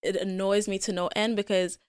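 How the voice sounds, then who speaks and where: Smooth, dry-voiced woman host. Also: medium pitch, brisk, no echo. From Jamaica. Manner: animated, acts out quotes. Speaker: podcast host. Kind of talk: casual interview chat.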